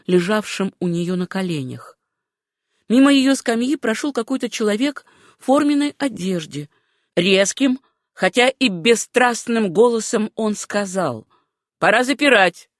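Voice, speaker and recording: Woman, audiobook narrator, measured reading, unhurried, mid pitch, dry close recording. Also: animated, no room sound. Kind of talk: scripted narration of a novel.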